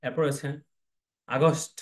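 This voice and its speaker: A man's voice: normal speed, a little mellow. A man with a Bangladeshi accent teaching English pronunciation in a spoken lesson, repeating each model word several times and mixing English words into his speech.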